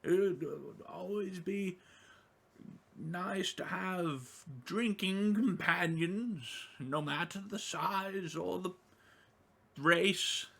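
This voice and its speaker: A man's voice: sits high, creaky, fairly bright tone, pitched above the performer's own voice, heavily acted. A man putting on a fussy, hesitant townsman. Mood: fretful. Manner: hesitant, halting with ums.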